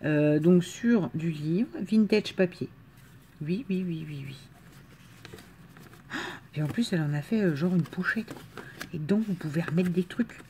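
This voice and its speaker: A woman's voice: on the low side, measured pace, pauses often, warm tone, slight background noise. A woman from the Marne with a slight northern French accent, chatting casually and enthusiastically as she unboxes crafts, with frequent fillers and laughs. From Marne, France. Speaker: crafting vlogger.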